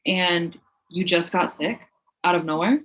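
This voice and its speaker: A woman's voice: lowish voice, a little slow, a bit bright, poor audio. A woman chatting casually as a podcast guest, plain-spoken and agreeable.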